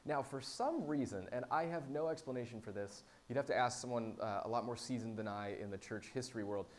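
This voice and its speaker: In a brisk, mid-range voice, a man pastors a small church through a loose, conversational sermon, humorously running himself down. The live talk is captured clearly, though a hum and background noise sit underneath.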